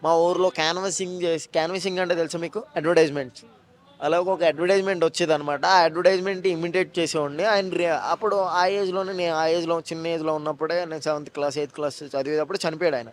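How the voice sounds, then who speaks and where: A man, an actor and mimicry artist, telling stories fast in a casual interview with joking asides. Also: fairly high pitch, fairly even intonation.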